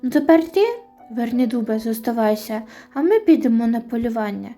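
A woman's voice: on the high side, lively intonation, a little fast, warm tone, soft background music. A woman voicing a brave young male folk hero who speaks in plain, decisive sentences.

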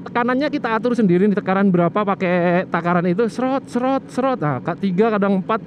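Outdoors, a fast-talking motovlogger with a high-sitting voice casually explains a scooter maintenance trick, rambling and frequently restarting or correcting himself. It's a how-to vlog chat captured on an action camera, so the audio is muffled with street noise.

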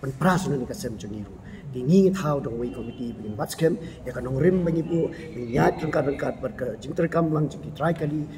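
A middle-aged man giving a steady, formal press conference statement, seated at a table in a bare concrete meeting hall, picked up by a camera in front of him. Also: medium pitch, fairly quick, few pauses, a crowd in the background. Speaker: association office-bearer at a press meet. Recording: noisy room background.

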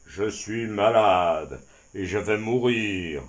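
A man voicing a huge, wise old male bison who speaks slowly and solemnly in a storybook. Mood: weary. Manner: slow, deep, solemn speech. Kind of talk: storybook character voice.

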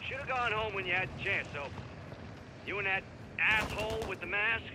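A man's voice: high-pitched, moderate pace, noisy background, lightly acted. An actor playing a cocky, ruthless mercenary commander who taunts his enemies in a drawl and mixes in Spanish, heard as video game dialogue. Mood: menacing. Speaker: villain. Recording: game audio under loud gunfire.

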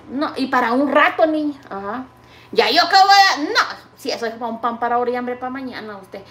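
A woman's voice: high-pitched, fairly bright tone, echoey room, slight background noise. A woman chatting casually while she cooks in her home kitchen, rambling fondly to the viewer. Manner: chatty, rambling, calls the viewer "niña" and "hija linda". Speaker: cooking vlogger. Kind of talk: casual chat while cooking.

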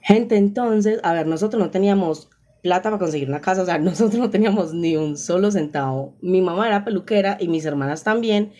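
With a lowish, mellow voice and a Paisa Colombian Spanish accent, a young woman talks into her phone during a live stream. She keeps things casual with her viewers, full of exclamations and easy laughter.

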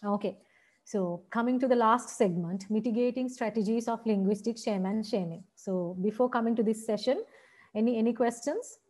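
Sri lankan lady teaching a seminar, kinda high voice, keeps asking right?. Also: moderate pace, darkish tone. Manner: explains point by point, repeats words with "right?" checks. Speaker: seminar lecturer. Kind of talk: online teacher-training seminar.

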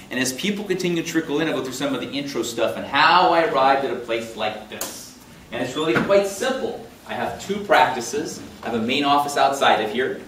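In an echoey meeting room with a projector screen, a chiropractor gives a live classroom lecture in an animated, joking manner, gesturing broadly and acting out quoted voices. His voice is medium-pitched, and the far camera makes the sound roomy and distant with a faint hum.

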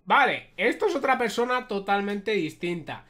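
A woman with a Spain Spanish accent giving lively, laughing reaction commentary on a video. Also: mid-range voice, moderate pace. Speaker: youtuber reacting.

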